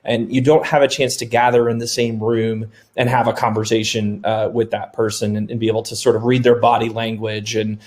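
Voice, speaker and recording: A man in his thirties, a software developer, speaking candidly with some self-deprecating humor on a webinar panel. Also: lowish voice, little pitch movement, brisk, few pauses. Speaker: software developer, company founder. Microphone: video call.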